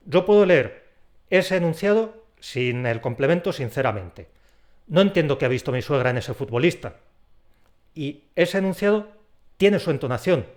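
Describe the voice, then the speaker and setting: A man teaching punctuation, in a clear, deliberate explanatory voice that acts out the intonation of his example sentences. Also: a little high, darkish tone. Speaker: Spanish grammar teacher. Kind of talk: recorded video lesson.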